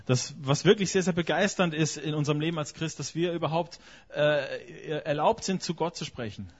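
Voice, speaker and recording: A man's voice: a little high, moderate pace, muffled recording. A man interpreting a sermon phrase by phrase, often hesitating with fillers and correcting himself.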